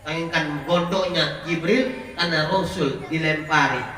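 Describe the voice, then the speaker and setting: Preacher in an echoey mosque. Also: male voice, fairly high pitch, normal speed. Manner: storytelling, acting out dialogue with animated voices. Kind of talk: sermon. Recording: echoey hall, voice from far off.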